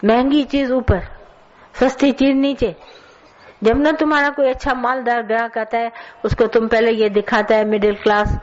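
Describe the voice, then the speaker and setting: A woman's voice: a little high, steady tone, normal speed, lo-fi sound. A woman giving a colloquial spiritual sermon, scolding and telling stories to her listeners. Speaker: spiritual teacher. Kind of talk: satsang sermon.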